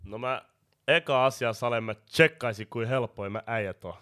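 A man's voice: medium pitch, a bit bright. A young man co-hosting a podcast in laid-back casual chat, reading out questions in slang. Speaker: podcast co-host.

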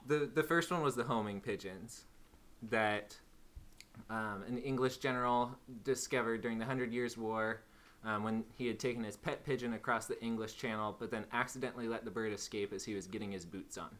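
A man's voice: medium pitch, fairly even intonation, a bit bright. Man reading trivia facts steadily. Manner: measured, reads facts aloud deliberately. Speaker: podcast co-host.

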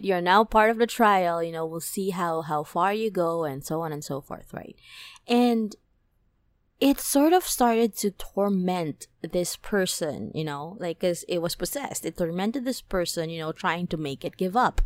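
A woman hosting a podcast, telling a dream story in a casual, animated way, packed with "like" and "right?", her voice climbing high when excited. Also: no room sound. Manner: animated, many fillers like "like" and "right?". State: toothache, on medication. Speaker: podcast host.

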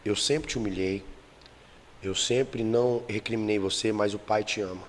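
A man voicing his sick, aging adoptive father, speaking quietly and pleadingly. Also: on the low side, quick pace, in a large hall, slight background noise, pitched below the performer's own voice, lightly acted. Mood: remorseful, quiet.

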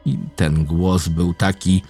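A man reading a first-person horror story aloud, low and intense with dramatic swings. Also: little pitch movement, takes it slowly, warm tone, slightly rough. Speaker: narrator. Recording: faint music behind the voice.

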